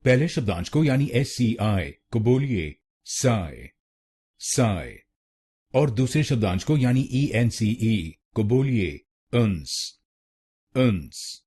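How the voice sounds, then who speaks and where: A man with an Indian accent teaching pronunciation, slowly repeating words syllable by syllable. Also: mid-range voice, lively intonation, warm tone, husky. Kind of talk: instructional pronunciation tutorial.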